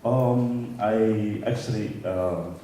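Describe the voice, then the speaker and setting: A Somali man in his thirties with a Somali accent speaks in a fairly low, mellow voice, drawing out his words. As the keynote guest musician in an onstage interview, he tells stories animatedly, laughing often and acting out voices. The audio is distant and roomy, from a conference hall stage, with faint noise.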